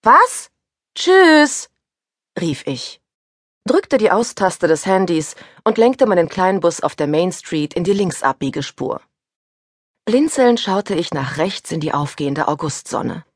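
A woman reading a first-person suspense audiobook aloud, with a husky voice that turns tense and breathless in the panic passages. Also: fairly low pitch, expressive, unhurried, a little mellow, no room sound, studio quality. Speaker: audiobook narrator. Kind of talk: scripted first-person narration.

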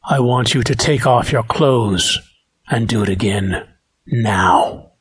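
A man voicing a stern, commanding male dance instructor in an audiobook, speaking in a flat, unaffected tone. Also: mid-range voice, slow pace, breathy edge, no room sound, clean studio sound.

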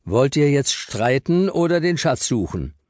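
A man's voice: mid-range voice, sing-song, unhurried, a little mellow, no echo, studio quality, pitched above the performer's own voice. A man voicing a sensible, level-headed boy who organizes his friends. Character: sensible bossy boy leader.

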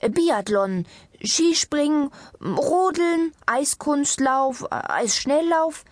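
A woman voicing an earnest, slim lady doctor in a children's storybook. She talks slowly and seriously and eagerly rattles off long lists. The sound is dry and close. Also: medium pitch, big pitch swings, slightly rough, no room sound. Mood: listing eagerly.

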